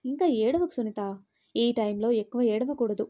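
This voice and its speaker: A woman voicing a gentle, caring young husband in a spoken story. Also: on the high side, lively intonation, moderate pace, lo-fi sound. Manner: gentle, coaxing.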